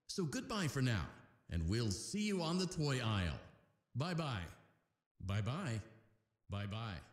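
A man's voice: medium pitch, sing-song, measured pace. A man voicing a polite, showy corporate announcer in a video game, reading a scripted announcement. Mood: falsely cheerful. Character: smooth-talking male showman announcer for an entertainment company. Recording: echoing game audio with faint music.

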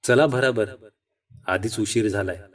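A man's voice: on the low side, a little slow, recorded from a distance, lightly acted. A male narrator voicing a frightened young village woman walking home at night, anxious and scolding, in an audiobook story. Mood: anxious, urging.

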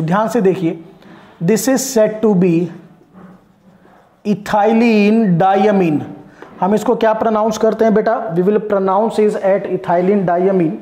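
A man's voice: high voice, dark tone, roomy sound. A man with an Indian accent giving a chemistry lecture, switching between Hindi and English and often checking that his students understand. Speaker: chemistry teacher. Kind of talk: classroom lecture.

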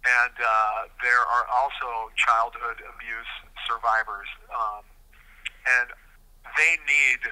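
A man speaking earnestly over a prison payphone call, measured and deliberate, with frequent hesitations. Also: medium pitch, bright, forceful tone, rough recording. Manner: measured, deliberate, many fillers. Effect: prison payphone call line. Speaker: incarcerated man interviewed by phone. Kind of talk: earnest interview answers.

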